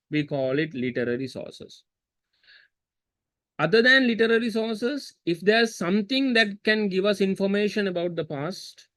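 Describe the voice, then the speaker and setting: A man runs an online history seminar over a video call, speaking into a computer mic with no echo. His voice is on the high side, and he repeats key terms and quizzes students, with chatty asides along the way.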